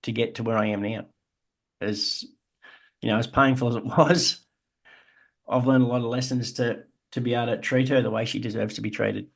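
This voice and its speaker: A man's voice: mid-range voice, fairly even intonation, moderate pace, vocal fry. An Australian man, podcast co-host, telling his own story in an earnest, reflective way. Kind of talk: casual chat.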